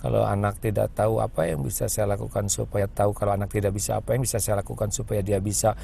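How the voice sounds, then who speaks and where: Gravelly-voiced preacher man. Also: steady tone, fast, a little hiss or hum. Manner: gentle, acts out a mother's pleading voice in a higher pitch. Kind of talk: parenting sermon to an online audience. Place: webinar.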